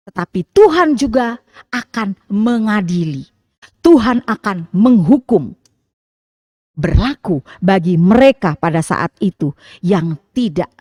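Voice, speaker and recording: A woman's voice: mid-range voice, darkish tone, no echo. A woman pastor delivering a sermon, asking questions and answering them, and sometimes acting out tearful prayers in a raised voice. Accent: Indonesian. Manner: dramatic preaching, acts out tearful prayers in a raised voice.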